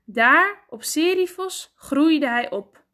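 A woman narrating a myth as a storybook reading, deliberate and expressive. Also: sits high.

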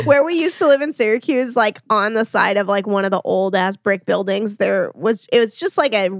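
A woman's voice: medium pitch, normal speed, few pauses, no room sound, studio quality. A young woman co-hosting a casual chat, rambling with lots of fillers and frequent laughs.

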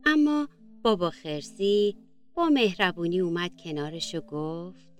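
A woman reading a children's story aloud in a gentle, slow storytelling manner. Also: lowish voice, soft background music.

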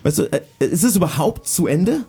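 A man's voice: high voice, big pitch swings, brisk, warm tone, husky, faint music behind. A man hosting a casual studio chat, rambling and searching for his words. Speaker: host.

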